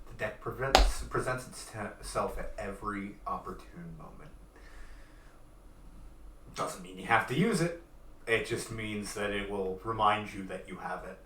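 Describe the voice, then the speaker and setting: A man's voice: fairly low pitch, measured pace, pauses often, bright, forceful tone. A man narrating a tabletop game as game master, in a laid-back, offhand way. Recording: echoey room, voice from a distance, background noise.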